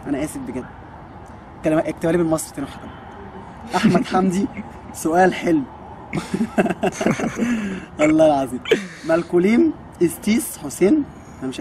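Fast-talking young Egyptian man. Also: on the high side, warm tone, slight background noise. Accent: Egyptian Arabic. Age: 20s. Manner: rapid, joking and teasing. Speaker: kung fu coach answering viewer questions. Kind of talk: casual Q&A.

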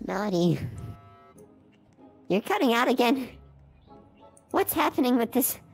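A woman voicing a wary, dry-humored robot streamer with a quick, wry, demanding way of talking, in a fan animation. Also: a little high, very animated, creaky, faint music behind, heavily acted.

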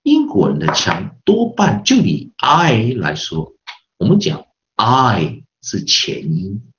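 A man's voice: lowish voice, huge pitch swings, slow, a bit bright, highs cut off. A man teaching English pronunciation in a recorded online lesson with a Taiwanese Mandarin accent, patiently repeating sounds over and over to demonstrate them.

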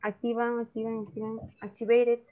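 A woman's voice: a little high, completely flat delivery, normal speed, muffled recording. A woman teaching English to young children online, having them repeat words after her. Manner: patient, repeats words for pupils to echo.

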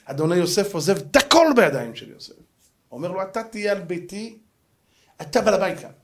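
Rabbi guy, high voice, super animated storytelling, slangy, does all the voices. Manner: dramatic storytelling, acts out characters with swings of pitch and loudness; slangy, colloquial street Hebrew. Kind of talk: animated Torah lesson.

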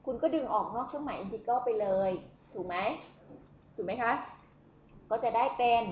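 A woman's voice: fairly high pitch, lively intonation, normal speed. A woman lecturing at a university on math, who keeps asking the class questions as she works through the steps. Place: lecture room. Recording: echoey room, tinny phone-like sound, faint noise.

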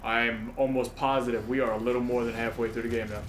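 A young man chats offhandedly while gaming, his voice at a middling pitch. His remarks are short and sweary, heard in an echoey space with faint noise. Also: little pitch movement, fast talker. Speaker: gamer playing and commenting. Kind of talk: casual gameplay chat.

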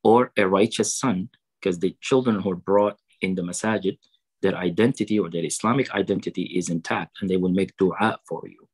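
A man with a low, husky voice preaches to an online audience for a charity drive. He recites a saying in Arabic, then slows down to translate and explain it. The sound comes through a webcam on a video call. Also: darkish tone, rough recording. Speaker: preacher at a fundraiser. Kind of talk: online fundraising sermon.

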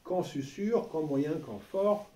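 A man's voice: fairly high pitch, slow, dark tone, reverberant, far from the mic, a little hiss or hum. A man leading a laughter wellness class, explaining exercises and breaking into rhythmic ho-ho ha-ha chants. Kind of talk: live teaching demonstration.

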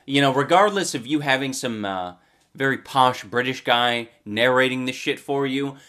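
A man's voice: mid-range voice, moderate pace, pushed and bright. A young man hosting a comedy commentary video, talking in a crude, mocking way and sliding into goofy voices. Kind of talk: sarcastic commentary.

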